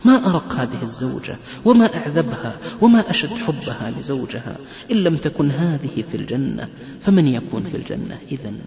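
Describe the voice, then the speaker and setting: A man's voice: mid-range voice, a little fast, gravelly. A man giving a religious lecture on family life, telling stories and acting out the people in them. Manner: lively storyteller who acts out quoted people. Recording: echoey hall, muffled lo-fi lecture recording.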